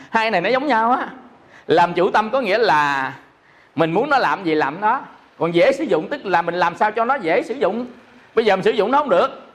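A man with a Southern Vietnamese accent giving a Buddhist dharma talk, explaining by repeating himself and asking listeners questions. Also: high-pitched. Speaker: Buddhist teacher.

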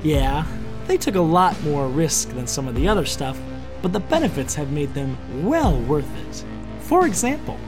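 A man narrating a story voices a sadistic female witch, high and drawn-out with mocking, taunting delivery. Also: big pitch swings, music in the background. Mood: smug.

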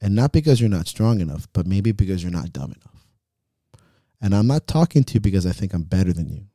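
A man's voice: low-pitched, lively intonation, fast talker, mellow, no echo, studio quality. A man hosting a podcast as a coach, talking in a frank, reflective way and swearing freely. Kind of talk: casual podcast chat.

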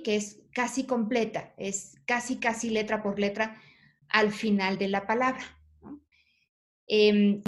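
A woman teaching a class, her voice sitting a little high. She explains patiently and encourages her students, echoing their words back as she goes. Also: a bit bright. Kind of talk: online class feedback.

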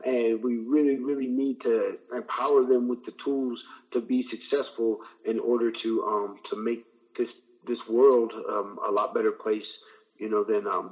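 A man's voice: medium pitch, a little mellow, rough recording. A man from Indiana, a guest on a radio show, answering at length with many fillers and restarts. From Indiana, USA. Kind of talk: casual interview answers.

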